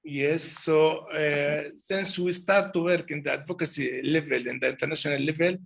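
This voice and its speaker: A man, his voice gravelly and pitched a little high for a man, talks haltingly with many pauses and fillers. His video-call microphone keeps cutting in and out, so the sound is choppy. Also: fairly even intonation, a bit bright. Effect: video-call audio cutting in and out. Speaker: human rights organization representative. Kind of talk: panel talk over a video call. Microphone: computer microphone on a video call.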